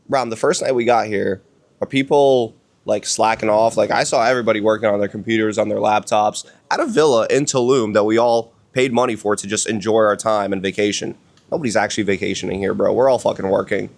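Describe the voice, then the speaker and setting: A man's voice: fairly low pitch, gravelly. A hungover man talking casually and motivationally on a podcast, blunt and slangy, swearing often and repeating phrases for emphasis. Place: outdoors on a villa balcony.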